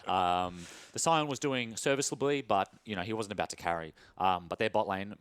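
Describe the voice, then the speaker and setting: A man's voice: on the low side, a little fast, clean tone, no room sound. A man giving blunt, wry esports analysis with self-mocking humour. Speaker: esports caster. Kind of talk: esports analysis desk chat.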